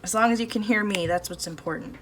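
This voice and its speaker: Speaking quickly at a medium pitch, a woman runs a casual painting demo for her art channel, thinking out loud as she works at the table. Her home studio audio comes from a phone overhead without an external mic, with faint sounds of the street and household behind her.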